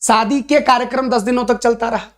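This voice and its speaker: A man teaching a Hindi grammar class for an exam, lively and playful, reading out comments and answering them. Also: extremely high pitch, fairly quick. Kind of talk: online exam-prep class.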